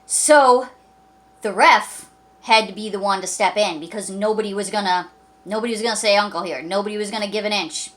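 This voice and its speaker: A woman's voice: mid-range voice, fairly quick, fairly bright tone. A woman recapping a wrestling show in a casual vlog, talking enthusiastically with many fillers and acting out quoted lines. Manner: acts out quoted lines in a mock voice.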